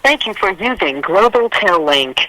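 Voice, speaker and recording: A recorded male voice announcing a prepaid call over a prison phone line in a flat, measured way. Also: high voice, background noise. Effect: recorded message over a prison phone line. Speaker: automated call system prompt.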